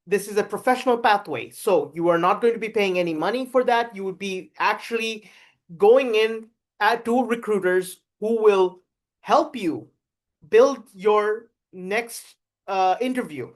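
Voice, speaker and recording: A woman hosts a career webinar over a video call. Her voice is mid-pitched, and she speaks in halting restarts. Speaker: webinar host. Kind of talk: webinar presentation.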